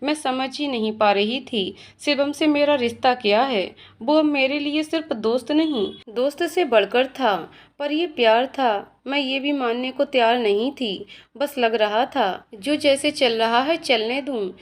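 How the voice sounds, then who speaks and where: A young woman tells a heartfelt story in the first person, expressive and engaged. She voices each character herself, her pitch sitting a little above average. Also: a little slow, few pauses. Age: young adult. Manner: expressive, playing every role herself.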